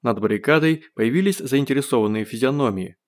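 A man narrating an audiobook with expressive, wry storytelling. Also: mid-range voice, brisk. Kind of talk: scripted narration.

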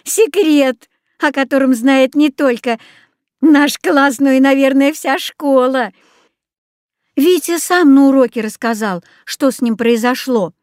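A prim know-it-all schoolgirl, smug and matter-of-fact, in a raised, bright register, as a woman reads her in a storybook. The sound is dry and close. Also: sits high, a little slow, no echo, voice pushed up.

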